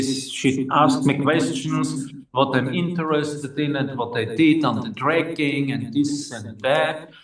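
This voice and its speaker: An older man from Austria with an Austrian German accent, telling his personal story in a slow, halting way with many pauses. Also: a little high. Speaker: interviewee. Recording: echoey room, distant mic.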